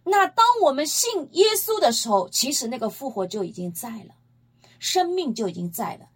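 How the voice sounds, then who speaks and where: Her voice high-pitched and breathy, moving at a normal speed, the preacher tells scripture stories with emphasis and liveliness. She throws rhetorical questions to her audience throughout this Bible-teaching sermon.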